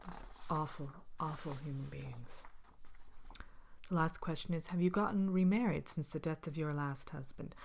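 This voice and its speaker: A woman voicing a haughty, vain evil fairy-tale queen in an ASMR role-play, soft-spoken and partly whispered, pompous and languidly disdainful. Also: low voice, vocal fry. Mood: scornful, then breezy, smug. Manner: pompous, languid, theatrical disdain with drawn-out words. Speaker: host of a character Q&A show. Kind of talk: ASMR character role-play, answering questions.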